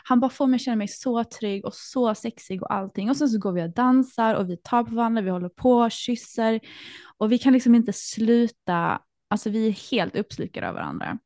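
A woman hosting a casual podcast chat, telling an animated story and acting out what people said. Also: a little high, no echo, clean studio sound. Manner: animated storytelling, acts out quotes. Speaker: podcast host.

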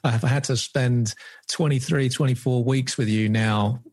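A man's voice: mid-range voice, steady tone, unhurried, darkish tone, slightly rough, dry recording, studio quality. A man co-hosting an internet radio show, teasing and joking in casual banter. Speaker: co-host.

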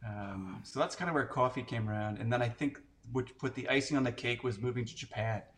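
A man's voice: medium pitch, fairly quick, a bit bright. Rambling man in his forties from Canada. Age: 40s. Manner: rambling, filler-heavy storytelling. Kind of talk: casual chat.

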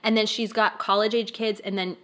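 A young woman co-hosting a podcast, chatting about a book and explaining it patiently, going soft and low when she muses. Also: level tone, brisk. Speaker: podcast co-host. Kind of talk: casual book chat.

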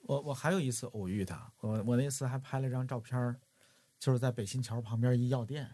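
Relaxed man, dry sound. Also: medium pitch, fairly quick, no room sound. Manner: relaxed, colloquial storytelling. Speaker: podcast host. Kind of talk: casual chat.

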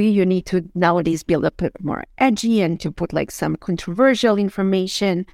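A woman's voice: medium pitch, a little mellow, dry recording, studio quality. A woman giving emphatic, insistent answers as an expert guest in an interview. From Eastern Europe. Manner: emphatic, insistent, with frequent "you know" and "like". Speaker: expert guest on propaganda and disinformation. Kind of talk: interview answers, argumentative commentary.

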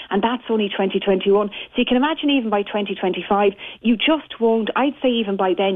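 Irish female motoring pundit, rapid informal delivery, thin phone sound. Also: medium pitch. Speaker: motoring journalist guest. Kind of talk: informal expert commentary. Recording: tinny phone line.

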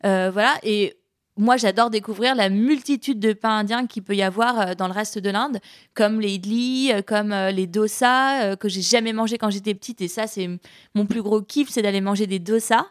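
A woman who cooks Indian food for a living, chatting in an interview and pausing often as she thinks aloud. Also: mid-range voice, dry recording, studio quality. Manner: hesitant, thoughtful, many pauses and restarts. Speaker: chef of Indian cuisine. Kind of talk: casual interview conversation.

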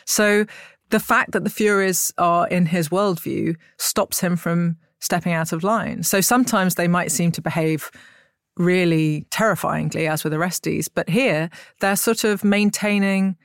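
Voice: medium pitch, a little slow, no echo, clean studio sound. An expert guest explaining things conversationally in an articulate, discursive way, full of asides. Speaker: expert guest on Greek myth.

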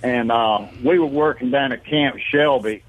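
A man's voice: mid-range voice, measured pace. Man calling in over the phone. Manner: folksy and hesitant, with many ums. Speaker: radio call-in caller. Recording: narrow telephone line.

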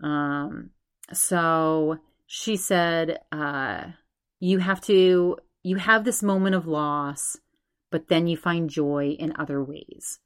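Low-pitched and resonant, this woman in her forties speaks slowly and clearly as she hosts her solo podcast. She's chatty and animated, rambling along and addressing her subscribers directly.

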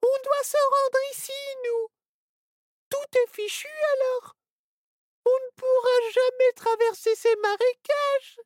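A woman voicing a sweet, timid little girl in a storybook reading, in a very high childlike voice. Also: steady tone, slow, no room sound. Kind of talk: storybook character voice.

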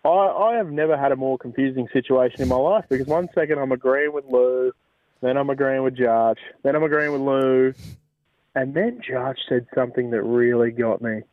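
A man's voice: mid-range voice, normal speed, no echo. An Australian man leaving a casual, ranting voice message in a blokey, sweary manner like an Aussie tradesman. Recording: dull lo-fi voice message.

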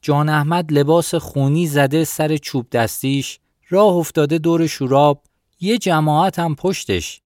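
Man doing a shrill fawning village headman. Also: fairly even intonation, a little mellow, no echo, studio quality, close to an everyday voice. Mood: agitated.

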